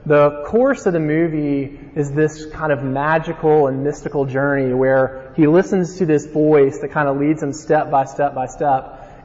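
A man's voice: on the high side, darkish tone. A man with an Alabama Southern accent preaching in an informal, folksy way, moving between scripture and personal storytelling. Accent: Alabama Southern American. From Alabama, United States. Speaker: conference preacher. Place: large reverberant room, live talk. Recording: dull sound in a reverberant hall.

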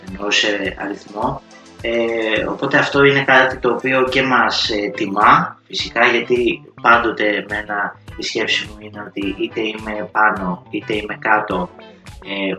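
A man's voice: on the low side, pushed and bright. A man hosting a cooking channel, talking casually to his viewers in a chatty, slangy storytelling way. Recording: roomy echo with faint music.

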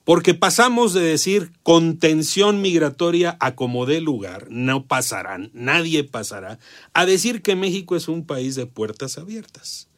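A man's voice: on the high side, expressive, a little slow. A man with a Mexican accent gives conversational political commentary, repeating phrases for emphasis and posing rhetorical questions. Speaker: panel commentator.

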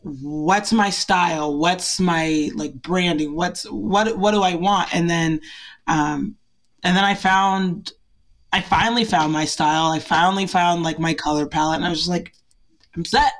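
A woman's voice: lowish voice, steady tone, a little slow. A woman from Portland, Oregon, chatting as an interview guest in a bubbly, giggly, self-deprecating way. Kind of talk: casual interview chat.

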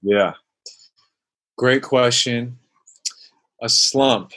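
A man's voice: mid-range voice, extremely slow, fairly bright tone. A man answering interview questions in a reflective, searching way, full of fillers and restarts, now and then acting out his own inner voice. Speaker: guest, former basketball player and mindfulness coach.

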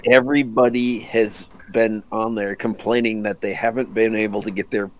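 A man who works in deliveries, chatting casually in a laid-back, measured way. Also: on the low side, little pitch movement, a little hiss or hum, rough recording. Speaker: delivery worker. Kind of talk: casual chat.

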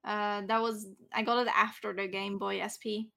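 A woman in her twenties chatting casually about video games on a podcast, chatty and quick to giggle. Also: medium pitch, little pitch movement, creaky, pushed and bright. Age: 20s. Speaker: podcast co-host.

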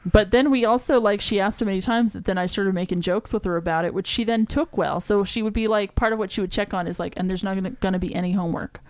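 A woman co-hosting a podcast in casual chat, chatty and quick to laugh, using lots of "like". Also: mid-range voice, no echo. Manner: chatty, laughs often, frequent filler "like". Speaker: podcast co-host.

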